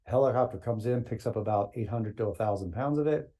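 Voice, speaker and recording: A man talking as a podcast guest, telling energetic stories and laughing often. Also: fairly low pitch, quick pace. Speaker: floral greens sales executive guest. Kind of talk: casual podcast chat, storytelling.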